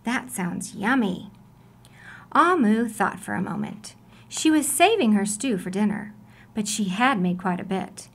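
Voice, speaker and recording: In a medium-pitched voice, a woman acts as a storybook reader, telling a children's tale in an expressive, unhurried, deliberate way.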